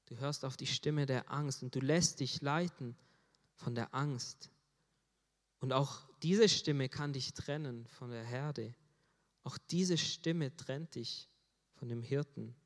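A man's voice: mid-range voice, slow. A man preaching a sermon in an earnest way, rising in force on key phrases. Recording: long hall reverb.

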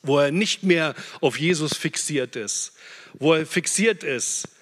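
A man preaching a sermon, impassioned, swinging between loud urgent peaks and hushed low phrases. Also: slow. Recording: long hall reverb.

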